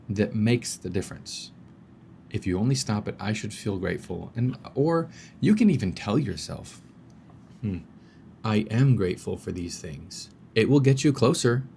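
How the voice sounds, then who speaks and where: A man's voice: on the low side, darkish tone, slight background noise. A man speaking as a coach in a casual self-help talk, guiding the listener through exercises and swearing now and then.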